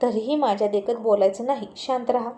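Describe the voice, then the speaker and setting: A woman's voice: fairly high pitch, fairly even intonation, a little fast, slight background noise, natural voice. Bashful, good-humored wife, read by a woman. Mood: affectionate. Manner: laughing, scolding gently.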